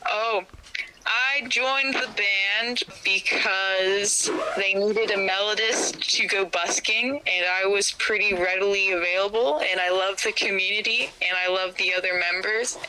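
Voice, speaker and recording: A woman's voice: medium pitch, fairly even intonation, measured pace, sharp tone, rough recording. Teen girl heard on speakerphone. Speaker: band trumpet player. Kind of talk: casual chat over a phone call. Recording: phone speaker with background noise.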